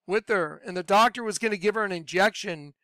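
High, smooth-voiced man giving testimony. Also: brisk, pushed and bright, dry recording. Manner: earnest, acts out quoted dialogue. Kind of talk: personal testimony storytelling.

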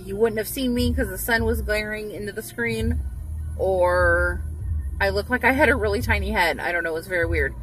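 A woman's voice: medium pitch, moderate pace, a bit bright, far from the mic, rough recording. A woman in her thirties rambling casually to her phone camera from a parked car, with lots of ums and restarts. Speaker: vlogger. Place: parked car, windows closed. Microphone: phone held at arm's length. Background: faint radio music.

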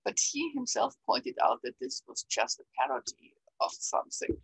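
An older woman with an Austrian German accent talks on a video call. Her voice is gravelly and husky, and the sound is dry and close. She speaks reflectively, often pausing on fillers. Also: high voice, huge pitch swings, dry recording, poor audio. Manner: reflective, halting with many fillers. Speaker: interview guest, salon organizer. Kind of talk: casual conversation on a video call. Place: bright room at home. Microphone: webcam on a video call.

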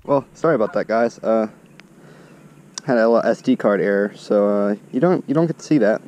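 A man's voice: on the low side, brisk, a little mellow. A young man vlogging at a lakeshore, talking in a laid-back, rambling way. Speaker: fishing vlogger. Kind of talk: casual outdoor fishing chat. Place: lakeshore in woods, outdoors. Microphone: action camera.

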